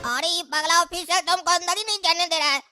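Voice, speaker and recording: A woman's voice: extremely high pitch, steady tone, quick pace, pushed and bright, no echo, clean studio sound, full character voice. A woman voicing a cheeky, short cartoon man who talks in a cocky, bossy way. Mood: worried scheming. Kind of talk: cartoon comedy voice acting.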